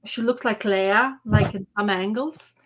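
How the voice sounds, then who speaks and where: A woman co-hosting a casual chat show, talking in an animated way that trails off and restarts mid-sentence. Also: mid-range voice, measured pace. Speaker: podcast co-host.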